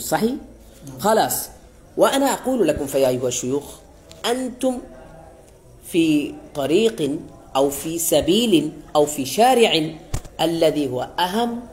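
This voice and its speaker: Higher-voiced man lecturing students. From Bangladesh. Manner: quizzes listeners with repeated questions; halting, many pauses and restarts. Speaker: visiting sheikh addressing students. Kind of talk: classroom exhortation lecture.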